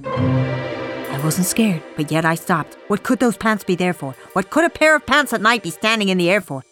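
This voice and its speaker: Expressive woman reading a storybook aloud. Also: fairly low pitch, normal speed. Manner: expressive, shifting between hushed and shrieking. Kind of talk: dramatic storybook read-aloud. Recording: music playing behind the voice.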